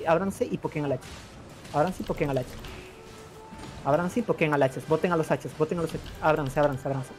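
A man calling out rapid, repetitive battle commands to his team over voice chat. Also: a little high, a little mellow. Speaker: raid caller.

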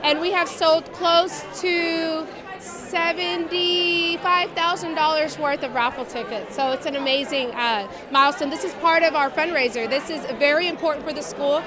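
Female event organizer, 30s, high voice, informal interview explanation, busy room behind. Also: moderate pace. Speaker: school fundraiser organizer. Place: hotel event space. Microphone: handheld interview microphone. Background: crowd chatter.

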